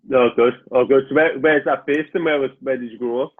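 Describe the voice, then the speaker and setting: A man hosting a podcast, relaxed and laughing easily. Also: medium pitch, a little fast. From North East England. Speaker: podcast host. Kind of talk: casual chat. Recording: tinny phone-like call line.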